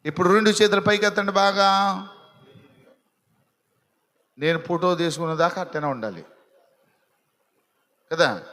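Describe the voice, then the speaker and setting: A male pastor with a high, bright voice preaches to his congregation, hammering phrases over and over as he builds. His voice rings out with a long reverb trailing behind it in the hall. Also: measured pace, long pauses. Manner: preaching with rising intensity and repetition; teasing the congregation about sleeping. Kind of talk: sermon. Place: church hall with live congregation.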